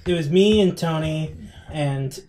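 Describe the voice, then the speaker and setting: A man's voice: a little high, a little slow, dark tone, slight background noise, poor audio. A man chatting casually as a player in a tabletop role-playing game.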